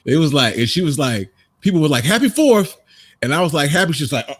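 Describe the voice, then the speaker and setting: A man in relaxed group conversation on a podcast, leaning hard into his points and breaking into laughter. His voice sits on the high side for a man. The sound is dry and close, with no room around it. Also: fast, slightly rough, no echo. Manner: emphatic, joking, laughs often. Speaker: podcast co-host. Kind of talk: casual group chat.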